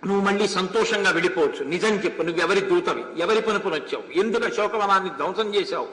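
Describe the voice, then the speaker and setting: A stern demon minister grills a captive with one question after another, as a man puts him on. The voice sits high and sounds bright. A long hall echo hangs behind every line. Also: fast. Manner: interrogating in a string of questions. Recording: echoey hall.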